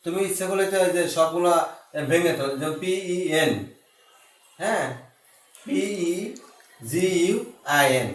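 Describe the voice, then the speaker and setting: A man teaching basic grammar to a young pupil, slow and patient, breaking words apart letter by letter. He sits away from the mic in a roomy, echoing space. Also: sits high. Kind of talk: basic English grammar lesson for a child. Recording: echoey room, voice from far off.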